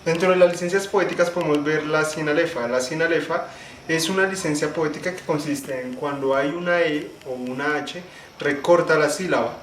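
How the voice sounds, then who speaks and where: A young man giving a class presentation, explaining step by step, restarting phrases and slowing down to spell out syllables. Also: on the high side, fairly bright tone. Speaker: student presenter. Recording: echoey room, faint ambient noise.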